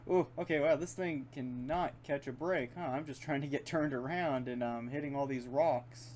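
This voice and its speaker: A man's voice: medium pitch, moderate pace, a little mellow. A man giving casual, unscripted gameplay commentary, rambling and thinking aloud as he plays in his room. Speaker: gaming video host. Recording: running fan noise behind voice. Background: fan hum, keyboard and mouse clicks.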